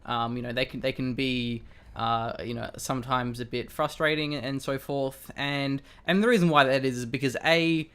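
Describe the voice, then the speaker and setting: A man's voice: medium pitch, fairly even intonation, normal speed, a bit bright, clean tone. A young man with an Australian accent, co-hosting a casual chat over a webcam, rambling with many restarts and fillers. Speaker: co-host.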